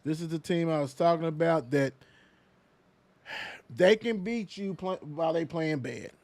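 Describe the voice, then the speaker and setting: A man hosting a casual sports talk show, riffing in animated, slangy banter with plenty of fillers. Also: a little high, unhurried, dry recording.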